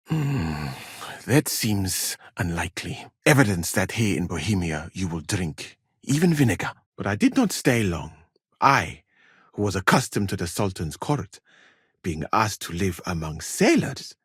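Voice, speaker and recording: An actor playing a learned, proud Malian court physician in a medieval video game, speaking in a formal, courteous, dignified way. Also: male voice, low voice, very animated, measured pace, slightly rough, no room sound, clean studio sound, full character voice. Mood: proud, dry. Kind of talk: video game character dialogue.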